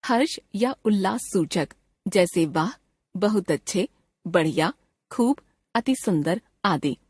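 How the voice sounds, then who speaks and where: Female narrator for a textbook grammar lesson, slow and deliberate, dry close read. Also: on the low side, lively intonation, husky, no room sound. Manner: reads definitions and example sentences in a measured, deliberate way. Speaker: grammar teacher.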